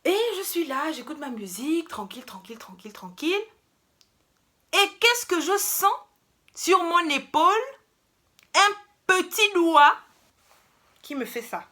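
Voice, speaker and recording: A young woman telling a story in a casual, animated, slangy way. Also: very high voice, a little slow, pauses often. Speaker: vlogger.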